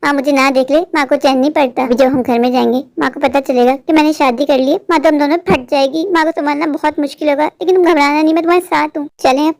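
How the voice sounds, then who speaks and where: A glib young cartoon husband, voiced by a woman, talks in a slightly lowered but still high voice. He speaks quickly, reassuring and confident. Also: steady tone, gravelly, darkish tone. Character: smooth-talking young husband, fibbing son. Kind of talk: cartoon voice acting.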